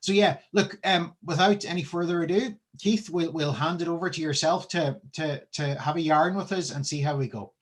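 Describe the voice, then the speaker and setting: Male Irish host, slightly high pitch, informal, halting introductions. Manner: halting, repeats words as he goes. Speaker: event host.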